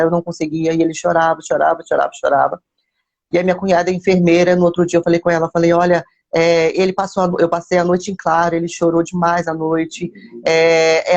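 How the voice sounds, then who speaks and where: A woman's voice: fairly low pitch, darkish tone. A woman telling her personal faith testimony to live viewers. She repeats words and phrases for emphasis and calls out to viewers by name. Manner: addresses viewers by name mid-story. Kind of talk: personal testimony, casual storytelling.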